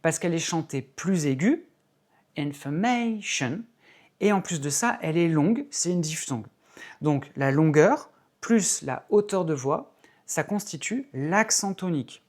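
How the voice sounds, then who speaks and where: This English teacher, a woman with a low, slightly mellow voice, speaks at normal speed in an animated way. She explains patiently and clearly in her video lesson, repeating key words to stress them.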